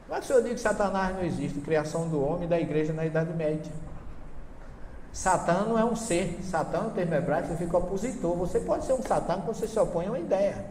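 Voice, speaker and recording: A man's voice: sits high, mellow. A man with a Northeastern Brazilian accent giving a seminar talk, telling stories with humor and asking his audience questions. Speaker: seminar lecturer on Bible translations. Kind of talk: lively seminar talk with anecdotes. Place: lecture hall before an audience. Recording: echoey hall with long reverb, faint hiss.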